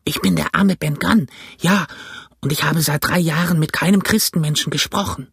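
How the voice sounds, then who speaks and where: A man voicing a ragged, marooned old sailor in a storybook reading, with a hoarse, croaky, pleading voice. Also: fairly high pitch, moderate pace, fairly bright tone, dry recording, studio quality, voice pushed up, exaggerated voice. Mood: wheedling. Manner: raised, pleading and wheedling.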